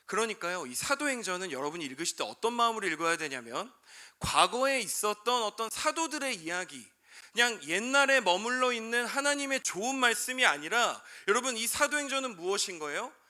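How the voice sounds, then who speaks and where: A young man in his twenties preaching a sermon to high school students as a youth pastor. He keeps calling out to his listeners and asks questions that he answers himself. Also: sing-song, a little fast, pushed and bright.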